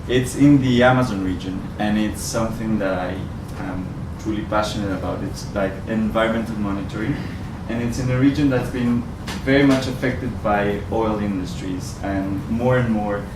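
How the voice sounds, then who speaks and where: A man from Ecuador giving a presentation to an audience, speaking hesitantly with many ums and restarts. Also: fairly low pitch. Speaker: researcher giving a talk. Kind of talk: presentation at a community event. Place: venue with a live audience. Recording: roomy sound from far off, noisy.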